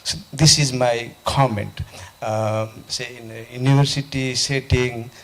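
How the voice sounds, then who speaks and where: A man from Nepal in an audience, asking a panel a question at a conference, halting and repeating himself. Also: medium pitch, steady tone, fairly bright tone. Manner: halting, repeats his question, frequent restarts. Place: conference hall.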